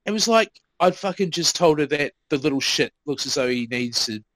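A man's voice: on the high side, expressive, brisk, a bit bright, no echo, rough recording. A man co-hosting a podcast, telling work stories in casual chat, swearing freely and acting out what people said. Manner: swears freely, acts out quoted remarks. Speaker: podcast co-host.

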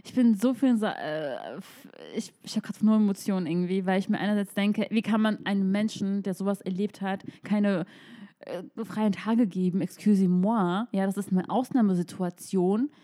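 A woman's voice: mid-range voice, normal speed, hardly any pauses, mellow. A woman co-hosting a casual talk show, speaking with strong emotion and close to tears. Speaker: podcast co-host. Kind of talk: casual chat.

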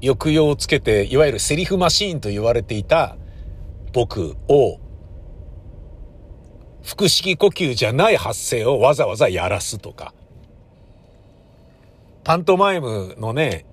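A man's voice: mid-range voice, sing-song, a little slow, long pauses, breathy edge. A man, a stage actor, reminiscing casually in a wistful storytelling manner, acting out the quoted lines of others.

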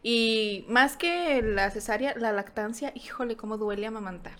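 A woman with a Mexican accent in casual chat, talking frankly in slangy speech and slowing down for emphasis. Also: on the high side, a bit bright.

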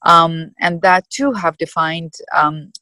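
A woman in her fifties from Iraq, answering interview questions thoughtfully with many pauses and fillers. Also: deep voice, pushed and bright, no echo, poor audio. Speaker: guest.

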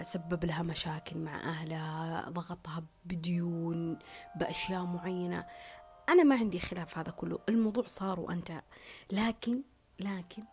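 A woman with a lowish, gravelly, creaky voice gives an earnest, reflective monologue on love and relationships. She hammers her points through repetition and often drops into a soft whisper, with faint music underneath.

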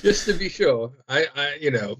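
A man's voice: a little high, very animated, normal speed, background noise. A man talking casually as a player in a tabletop game, asking questions and speaking for his character.

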